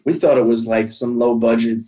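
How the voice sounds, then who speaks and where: A man talking as an interview guest, explaining things in a measured way. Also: mid-range voice, steady tone, warm tone, low-quality recording. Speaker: guest, visual effects professional. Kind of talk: casual interview chat.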